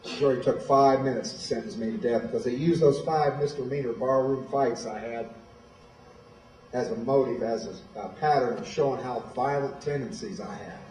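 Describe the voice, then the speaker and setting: A man's voice: medium pitch, moderate pace, a little mellow. A man, telling his own story in plain, direct words as a guest speaker at a school. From Illinois, USA. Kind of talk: personal testimony speech. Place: high school hall. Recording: echoey hall, voice from far off.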